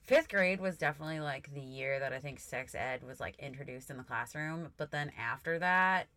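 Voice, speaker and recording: A woman's voice: deep voice, moderate pace, sharp tone, no echo. A young adult woman hosting a casual podcast chat, recorded inside a closet. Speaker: podcast host.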